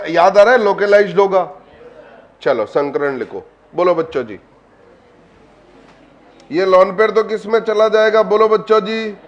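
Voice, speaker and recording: A man's voice: sits high, muffled recording. A man teaching a live online class, quizzing his students with repeated questions and addressing them fondly. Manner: coaxing, affectionate address to students.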